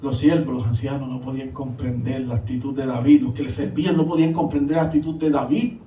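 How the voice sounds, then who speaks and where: A man preaching a sermon, with emphatic rises and hushed drops. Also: mid-range voice, fairly even intonation, quick pace. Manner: emphatic preaching, rising and dropping. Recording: echoey room, voice from a distance.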